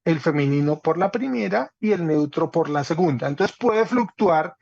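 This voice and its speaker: A man with a somewhat high voice teaches a class online. He is patient and keeps checking that his students follow. The call audio is dry and a little muffled. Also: lively intonation, normal speed, vocal fry, a little mellow, husky, no room sound. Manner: patient, checks understanding with "¿cierto?". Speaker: Greek teacher. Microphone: video call.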